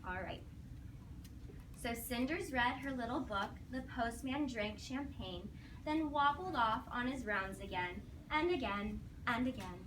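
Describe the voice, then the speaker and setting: Reading a story to young children, a woman teacher speaks a little slowly in a slightly high voice with lively intonation, mixing in simple instructional prompts, questions, and praise. The classroom is noisy, and she is recorded from a distance.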